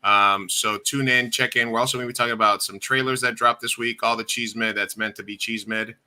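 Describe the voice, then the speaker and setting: A man opens his online show with a slangy, upbeat welcome that hypes up his viewers. His voice sits low, yet its tone is strikingly bright and forward. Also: steady tone, fairly quick. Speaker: show host. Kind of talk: casual show intro.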